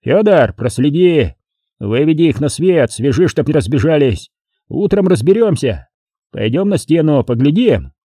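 A man's voice: on the high side, sing-song, normal speed, mellow, breathy edge, dry recording, studio quality, pitched above the performer's own voice. A man voicing a blunt old war commander who barks orders and grumbles. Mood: commanding.

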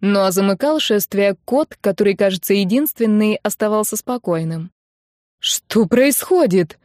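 A woman narrating an audiobook in a lively, expressive storytelling manner. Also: mid-range voice, normal speed, no echo, studio quality. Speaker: audiobook reader.

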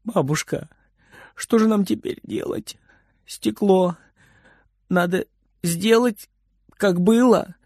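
A man's voice: sits high, lively intonation, a little slow, hardly any pauses, dry recording, studio quality, pitched above the performer's own voice. A man putting on a whiny, sobbing little boy. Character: small excitable boy who cries easily.

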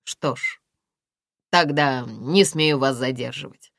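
A woman's voice: low voice, dry recording. A woman reading an audiobook, voicing a male police investigator who speaks formally and drily. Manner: formal, measured, dry. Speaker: audiobook reader.

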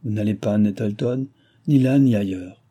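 A man voicing a lonely, bitter middle-aged lawyer who speaks in a low, grave voice. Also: moderate pace, warm tone, slightly rough.

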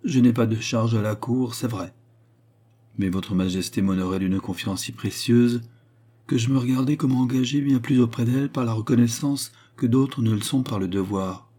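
Scheming noblewoman, feigning innocence, voiced by a man with a dark tone. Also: mid-range voice, moderate pace, breathy edge, voice pushed up, natural voice. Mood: feigned meekness. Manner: guarded, falsely meek. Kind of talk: audiobook reading.

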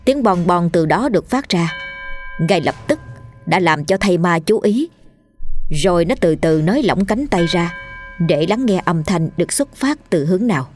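A woman with a Southern Vietnamese accent narrating a ghost story in a lively, colloquial storytelling manner. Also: fairly low pitch, normal speed, soft background music.

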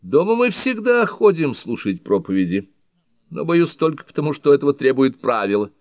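A man reading an audiobook, voicing a frank, outspoken married woman who speaks in a lively, candid way, on a dull lo-fi recording. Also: on the high side, normal speed, no room sound, voice pushed up.

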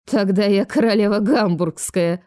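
A woman's voice: mid-range voice, moderate pace, dark tone, natural voice. A woman voicing a suspicious, blunt grown daughter who mocks and threatens. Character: tall grown-up daughter, suspicious, gruff and mocking.

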